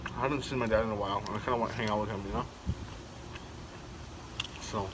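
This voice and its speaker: A man's voice: lowish voice, fairly even intonation, quick pace, background noise. A man chatting casually to camera as a mukbang host while eating crunchy fried chicken, smacking and savoring with little mms.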